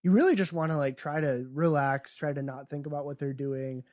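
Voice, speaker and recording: A man's voice: fairly high pitch, fairly quick, darkish tone. A man co-hosting a podcast, chatting casually and joking wryly while he works through comedy bits. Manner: wry, joking, acts out bits. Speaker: podcast co-host.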